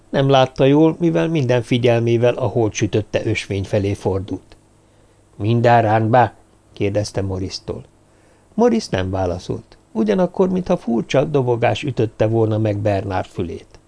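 A man reading a suspense novel as audiobook narrator in a steady, measured manner. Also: medium pitch, gravelly. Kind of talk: scripted narration.

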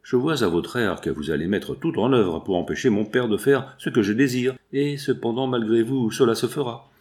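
A man's voice: medium pitch, moderate pace, darkish tone, close to an everyday voice. A man reading aloud and voicing a willful, impetuous eighteen-year-old girl who pleads insistently.

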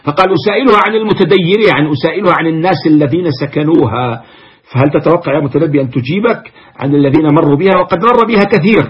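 A man's voice: a little high, rapid-fire, muffled recording. A man giving a lecture on classical poetry. He recites verses and then explains them in an informal, conversational way.

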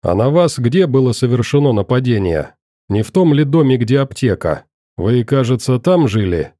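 A man's voice: medium pitch, very animated, mellow, no room sound, studio quality, lightly acted. A man voicing a coldly polite middle-aged interrogator in an audiobook, courteous and probing. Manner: pointedly courteous, probing, deliberate.

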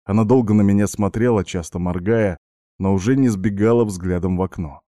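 A man narrating an audiobook in the first person, measured and brooding, gruff in dialogue. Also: fairly low pitch, dark tone, no echo, studio quality.

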